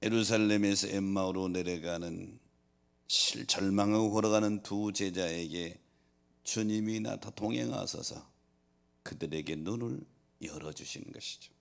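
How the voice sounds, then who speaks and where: Gravelly low-voiced male pastor preaching. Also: unhurried. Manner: preaching with rising emphatic scripture quotes and soft asides. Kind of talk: sermon.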